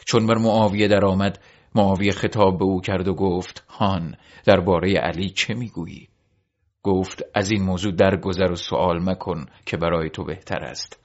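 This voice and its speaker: Male narrator, very low voice, solemn measured historical reading, dull lo-fi sound. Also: fairly even intonation. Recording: dull lo-fi recording.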